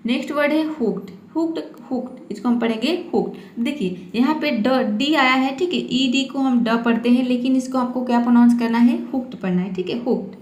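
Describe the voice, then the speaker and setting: A woman who teaches English vocabulary in a patient manner. She spells out words and repeats them slowly, adding a steady "okay" after each point. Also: on the high side, roomy sound. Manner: patient, repeats "ठीक है" often. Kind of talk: vocabulary lesson.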